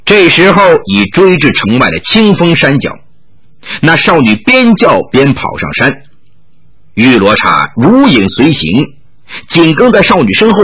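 A man's voice: a little high, a bit bright, husky. A man narrating a martial arts novel in a dramatic, vivid storytelling style.

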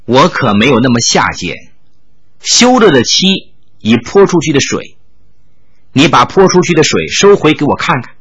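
Scornful middle-aged nun, cold and curt, as a guy telling the story puts her on, a bit husky and bright. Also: mid-range voice, sing-song, normal speed, highs cut off, pitched below the performer's own voice. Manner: curt, contemptuous retorts.

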